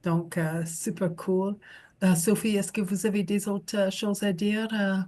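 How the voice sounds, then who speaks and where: A woman hosting a webinar on a video call, speaking haltingly with many fillers. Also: mid-range voice, little pitch movement, darkish tone. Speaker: webinar host.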